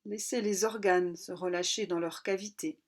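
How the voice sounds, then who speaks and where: This yoga nidra instructor speaks in a lowish register, leading her guided relaxation at an unhurried, calm pace. Brief instructions come one at a time, separated by pauses.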